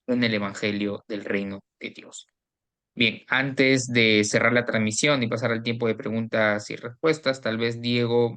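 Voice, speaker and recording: A man hosting an online class, thanking the speaker and introducing the organisation in a formal, measured way. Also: fairly low pitch, a bit bright, clean tone. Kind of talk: hosting a livestream.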